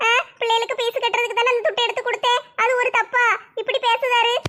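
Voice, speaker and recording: Woman acting as an aggrieved young wife, very high, bright voice, family drama skit. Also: little pitch movement, fast. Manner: aggrieved, pleading and complaining. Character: hurt, stubborn young wife, a daughter-in-law.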